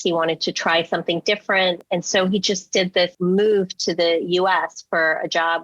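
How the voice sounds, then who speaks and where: Woman guest, forties, reflective, low voice, dry muffled sound. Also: a bit bright, no room sound. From England. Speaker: guest, marketing executive. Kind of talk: interview.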